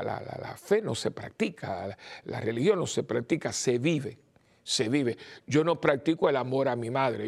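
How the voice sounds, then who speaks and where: Gravelly older priest, rambling homily. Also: male voice, medium pitch, darkish tone. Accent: mixed Spanish accent. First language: Spanish. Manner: rambling, repeats words, many fillers. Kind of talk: informal spoken homily.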